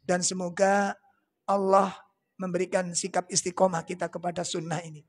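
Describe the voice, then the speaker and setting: A man's voice: high-pitched, little pitch movement, moderate pace, slightly rough. A man preaching a religious lecture in a Javanese accent, joking and asking the audience rhetorical questions.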